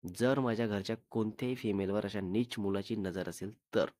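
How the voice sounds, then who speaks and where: Stern protective young husband, read by a man, firm and lecturing, low and dry. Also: normal speed, a little mellow, dry recording, lightly acted. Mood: threatening.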